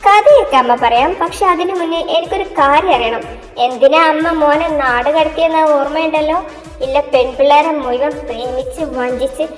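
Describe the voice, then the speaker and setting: A woman's voice: sits high, moderate pace, close to an everyday voice. A woman as a scolding middle-aged mother, long reverb, music underneath. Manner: scolding, nagging. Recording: echoey room with long reverb, music behind.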